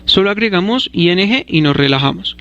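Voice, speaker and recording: Hombre con voz algo aguda, explicación clara. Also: male voice, high voice, expressive, sharp tone, dull audio. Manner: clear, measured explanations, spells out letters. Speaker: English teacher. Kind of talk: scripted grammar lesson narration.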